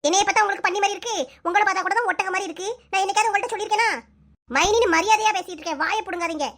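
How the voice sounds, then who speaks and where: A woman's voice: extremely high pitch, rapid-fire, fairly bright tone. A woman voicing a quarrelsome young sister-in-law. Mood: insulting. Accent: Kanyakumari Tamil. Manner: quarrelsome, insulting, indignant. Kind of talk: comic cartoon voice acting.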